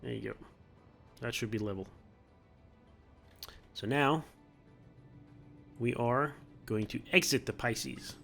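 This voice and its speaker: A man's voice: medium pitch, slow, vocal fry, long pauses, fairly bright tone, soft background music. A man hosting a gameplay video, talking himself through careful moves in casual commentary and chuckling now and then.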